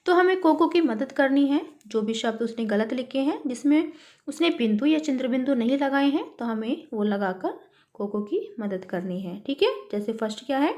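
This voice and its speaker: A woman with a high voice teaches a worksheet lesson for children. She calls her pupils "beta" and walks them through each step by asking and answering her own questions.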